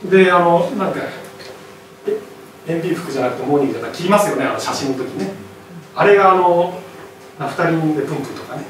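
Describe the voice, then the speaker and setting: A man delivers a public history lecture in a lively, conversational manner, peppering his talk with little tag questions to the audience. His voice sits a touch high for a man. He is picked up from a distance in a hall full of reverb, with a faint hiss underneath. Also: quick pace, long pauses. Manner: animated, chatty, constant tag questions. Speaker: lecturer and author. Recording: very echoey hall, far from mic, faint noise.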